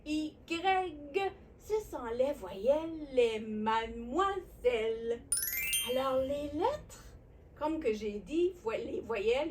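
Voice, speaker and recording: Animated, high-voiced Québécois woman teaching kids. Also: distant mic, slight background noise. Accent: Québécois French. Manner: animated, encouraging, speaks directly to the child viewer. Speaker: children's educational host. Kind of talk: teaching letters to young children.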